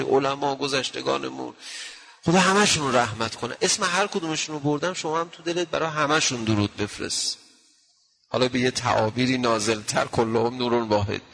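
Man preaching a sermon, bright forceful tone, storytelling, long hall reverb. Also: medium pitch, breathy edge. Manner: storytelling, swinging from quiet to loud. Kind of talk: religious sermon with anecdotes.

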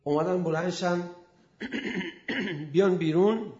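A man preaching a storytelling sermon, acting out the people in it and swinging from hushed asides to loud emphasis. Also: sits high. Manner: animated, acts out quoted speakers. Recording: echoey dull lo-fi room sound.

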